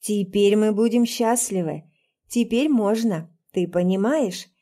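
A woman voicing an obsessive, violent young man in an audiobook, who shouts accusations and then turns softly menacing. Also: mid-range voice, a little slow, lightly acted. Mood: creepily tender.

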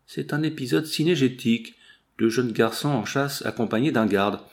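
A man voicing a calm, puzzled lawyer. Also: mid-range voice, normal speed, natural voice.

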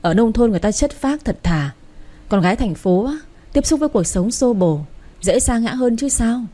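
A woman voicing a sharp-tongued older village mother-in-law, scornful and needling. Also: fairly high pitch, expressive, normal speed, voice pushed up.

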